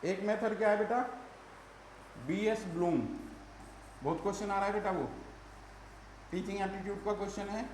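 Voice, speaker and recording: A man's voice: high voice, steady tone, normal speed, long pauses, darkish tone, roomy sound. Man, teacher, exam-prep lecture, repeats terms, faint room hum. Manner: addresses students as "beta", repeats key terms.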